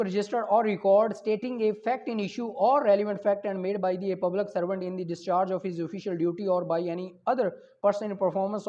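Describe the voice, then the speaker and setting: Speaking in a high, warm voice, a man with a Pakistani accent reads legal articles and explains them with examples and rhetorical questions as he lectures on law. The sound quality is dull and lo-fi.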